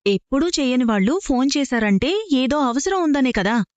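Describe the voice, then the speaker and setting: A woman's voice: high-pitched, expressive, normal speed, dry recording. An actress playing a cool, guarded young woman who answers evasively. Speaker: actor in a TV serial. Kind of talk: TV serial acting.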